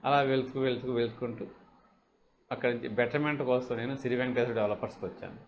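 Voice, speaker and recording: A man's voice: mid-range voice, fairly even intonation, fast, a little hiss or hum. A man talking emphatically about a colleague's rise in real estate, repeating phrases and acting out quoted dialogue. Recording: dull lo-fi audio with faint ambience.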